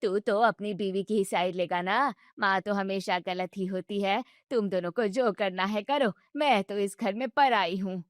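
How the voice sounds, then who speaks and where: A woman's voice: medium pitch, a little slow, hardly any pauses, dry recording, clean studio sound, lightly acted. A woman voicing a bossy mother-in-law who scolds her daughter-in-law sharply. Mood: scolding.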